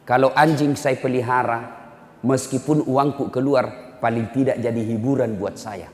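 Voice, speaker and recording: A man's voice: mid-range voice, steady tone, moderate pace, close to an everyday voice. A man voicing a childless, dog-owning adult who bluntly explains his choice. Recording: echoey hall.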